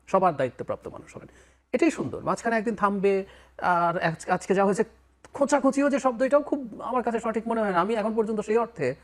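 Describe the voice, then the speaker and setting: Lively high-voiced male political analyst. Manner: lively, mixes in English phrases. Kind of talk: talk show commentary.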